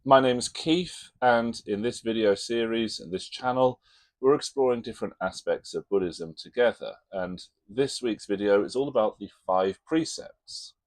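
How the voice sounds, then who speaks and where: Man, lowish voice, video host, informal explanation, hesitant, self-correcting, reads from notes. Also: moderate pace. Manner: tentative, self-correcting, with frequent ums. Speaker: channel host teaching Buddhism. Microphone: reading from notes to camera.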